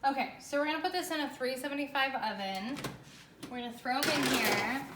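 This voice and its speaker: A woman's voice: sits high, a little fast, loud music behind the voice. An American woman chatting casually and enthusiastically through a home baking demonstration in an informal, chirpy way. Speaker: host of a home baking show. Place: indoors, home kitchen. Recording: echoey room with faint background noise.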